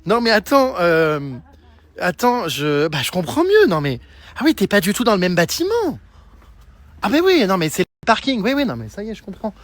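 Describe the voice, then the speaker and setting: A man vlogging on his travels, chatty and teasing, excitable, filming on a handheld camera. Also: sits high, moderate pace. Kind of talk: travel vlog narration.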